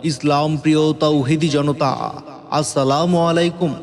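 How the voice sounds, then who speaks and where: A man with a Bangladeshi accent reads a formal scripted announcement for a religious gathering in a declamatory, drawn-out, chanting delivery. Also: on the high side, steady tone. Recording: long echoing reverb, music behind.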